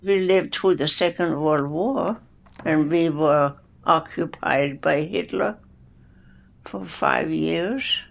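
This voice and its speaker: A woman's voice: low-pitched, takes it slowly, vocal fry. A hundred-year-old woman from Denmark, plainly recalling her life in a documentary interview. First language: Danish. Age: 100s. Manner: plainspoken, matter-of-fact reminiscing.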